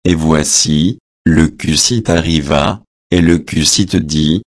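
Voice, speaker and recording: A man reading scripture aloud in a measured, solemn way, announcing verse numbers and adding short translation notes. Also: a bass voice, no echo, studio quality. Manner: adds short translation notes between passages.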